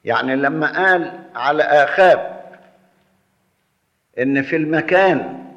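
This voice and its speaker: Egyptian preacher in an echoey hall. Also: male voice, on the high side, fairly bright tone. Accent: Egyptian Arabic. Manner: measured, argumentative explaining. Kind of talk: sermon. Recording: echoey hall, dull lo-fi sound.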